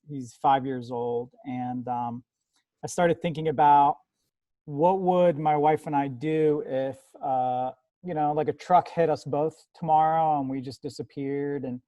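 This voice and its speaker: A man's voice: mid-range voice, mellow, dry recording. Chatty man with a dry sound. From born in Iran, grew up in America. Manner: rambling, many fillers and restarts. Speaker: interviewed artist. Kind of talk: casual conversational interview.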